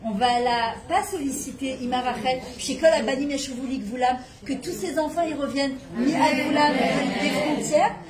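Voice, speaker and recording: Brief: woman, high voice, fervent spiritual teacher, roomy echo in a home. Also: normal speed, few pauses, a crowd in the background. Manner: impassioned, rhetorical questions. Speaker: religious women's teacher. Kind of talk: spiritual talk to a women's gathering. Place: private home.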